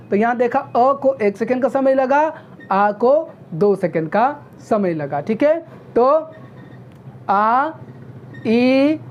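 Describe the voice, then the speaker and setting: A woman teaching a video grammar lesson, who often checks in with "okay?" and sounds out vowels slowly. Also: a little high, dark tone, a little hiss or hum. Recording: dull lo-fi recording.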